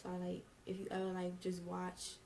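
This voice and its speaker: Speaking in a lowish, monotone, darkish voice and a little fast, a young woman vlogger casually retells a personal story. She emphasizes quoted dialogue by acting it out, with slight background noise.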